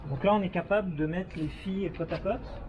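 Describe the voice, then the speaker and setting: This travel vlogger, a man in his thirties with a Québécois French accent, has a high-pitched, darkish voice and talks fairly quickly. He casually presents a new car and its features, frequently stumbling with fillers and restarts, amid noisy outdoor ambience and passing vehicles.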